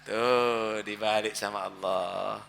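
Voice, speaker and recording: A male preacher giving a sermon in dramatic storytelling style, swinging from loud outbursts to hushed asides. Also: on the low side, steady tone, takes it slowly, gravelly, big-room sound, slight background noise.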